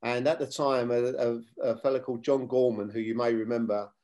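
An older man speaks at a middle pitch as an interview guest. He talks in a measured, unhurried way, reliving his playing and coaching years and quoting old conversations as he goes. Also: level tone, a little mellow. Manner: measured, many fillers and restarts, retells dialogue. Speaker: former footballer and coach, guest. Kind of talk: reflective interview storytelling.

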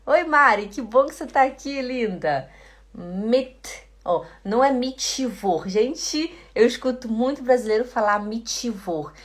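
A woman from Belém, Brazil, with a Belém Portuguese accent, teaching German in a live-streamed lesson, slowly drilling words for her learners and greeting viewers by name. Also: a little high, lively intonation. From Belém do Pará, Brazil.

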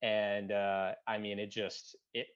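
A man in his thirties tells his story as an interview guest. He speaks in a halting, unpolished way, full of fillers and restarts, and his voice goes quiet at hard moments. The sound is dull and slightly lo-fi. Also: on the low side, little pitch movement, smooth. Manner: halting, many restarts and fillers, drops to a quiet tone at emotional points. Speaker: guest, combat-wounded veteran.

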